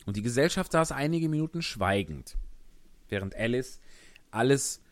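A man's voice: medium pitch, animated, moderate pace, dry recording. A man narrating a storybook in scripted audiobook style.

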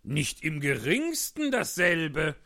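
A man doing a loud, grumbling hatter. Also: on the high side, sing-song, takes it slowly, creaky, no echo, clean studio sound, voice pushed up, exaggerated voice. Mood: emphatic. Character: excitable grumbling male hatter. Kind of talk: storybook reading.

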